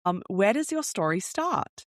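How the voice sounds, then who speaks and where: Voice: mid-range voice, big pitch swings, unhurried, dry recording, studio quality. A podcast host asking broad questions in a casual, chatty way, often breaking off and restarting sentences. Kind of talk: casual interview chat.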